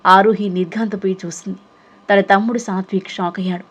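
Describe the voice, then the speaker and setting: A woman narrates a serialized audio novel in a steady storytelling voice. She holds an even, measured pace from one line to the next. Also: mid-range voice, breathy edge.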